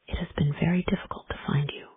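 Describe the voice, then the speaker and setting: A narrator whispering the part of a huge, gruff, bearded male giant who speaks in rough folksy words, in a whispered role-play. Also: mid-range voice, fairly even intonation, fast, no echo. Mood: friendly. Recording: dry, tinny phone-like sound.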